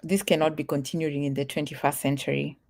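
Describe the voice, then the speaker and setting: Speaking quickly in a low, darkish, level voice, this Kenyan woman addresses her livestream audience. The vlogger is earnest and emphatic, laughs readily, and says her warnings more than once.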